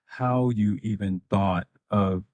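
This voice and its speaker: An upbeat male talk show host welcomes his guest. His voice runs somewhat low, and the recording sounds dry and close. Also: steady tone, takes it slowly, darkish tone, dry recording, dull audio. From Brooklyn.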